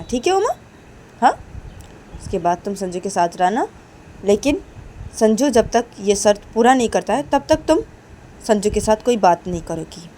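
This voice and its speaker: A woman voicing a middle-aged father who lays down terms in a measured way. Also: medium pitch, warm tone, a little hiss or hum, natural voice. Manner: measured, instructing.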